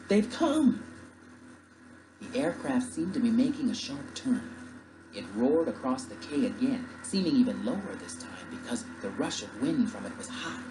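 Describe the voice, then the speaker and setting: Male audiobook narrator, dramatic and lively, roomy recording. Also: medium pitch, a little hiss or hum. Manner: expressive, dramatic reading.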